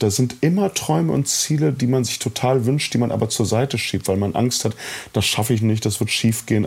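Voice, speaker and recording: A man's voice: mid-range voice, creaky, a little mellow, husky. A middle-aged man from East Germany, an actor speaking candidly and reflectively in an interview, with many fillers and restarts.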